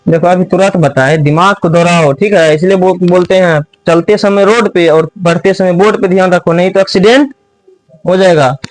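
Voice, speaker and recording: High-pitched guy teacher quizzing a class, calls out loud sometimes. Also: steady tone, moderate pace, no echo, poor audio. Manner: quizzing students, often raising voice.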